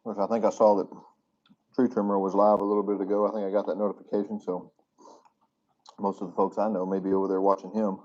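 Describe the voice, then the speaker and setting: Male channel host, lowish voice, easygoing live-stream chat between bites, muffled phone-mic sound from a hotel room. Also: flat delivery, fast talker, darkish tone. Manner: talks with his mouth full while eating. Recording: dull lo-fi phone audio.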